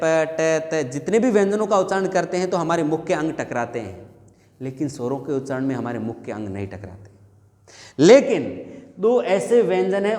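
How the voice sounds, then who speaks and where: A slightly high, slightly mellow male voice works through Hindi grammar for exam prep, quizzing and answering himself. The room is echoey, with a long reverb tail.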